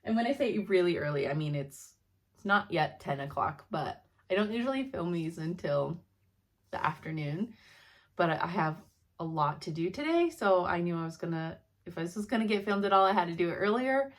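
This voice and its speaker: A woman's voice: fairly low pitch, animated, moderate pace. A young woman in casual, rambling chat as a cross-stitch vlogger at home, sounding sleepy and laughing often.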